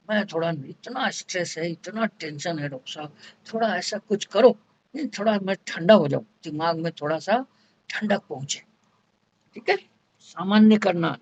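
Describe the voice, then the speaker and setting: A man teaching homeopathy in a lecture. He repeats each point with a string of synonyms and acts out what patients say. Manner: acts out patients' complaints in a lower voice. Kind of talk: explanatory lecture. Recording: dull lo-fi dry recording.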